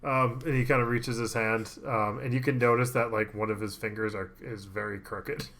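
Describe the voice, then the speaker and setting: A man's voice: medium pitch, fairly even intonation, moderate pace, a bit bright. Laid-back male game master. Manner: easygoing, laughs often, many fillers. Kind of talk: narrating a tabletop game.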